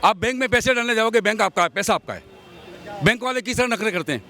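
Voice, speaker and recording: A man's voice: high voice, lively intonation, fast, sharp tone. Argumentative man in his fifties from Assam. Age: 50s. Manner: argumentative, insistent, lecturing. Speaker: passerby interviewed on the street. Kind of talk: street interview.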